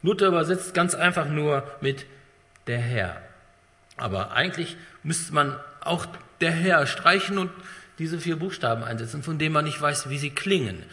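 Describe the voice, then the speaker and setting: Guy preaching, fairly high bright voice, goes big then drops to a hush, long church reverb. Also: expressive. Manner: dramatic, swinging between loud emphasis and hushed, slow lines. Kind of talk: sermon.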